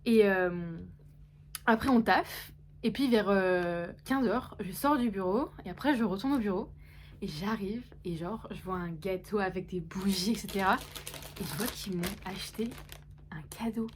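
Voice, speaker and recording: A young woman from France chatting casually to camera in a personal vlog, excited and full of fillers. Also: mid-range voice, normal speed, slight background noise. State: just woken up, tired. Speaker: vlogger.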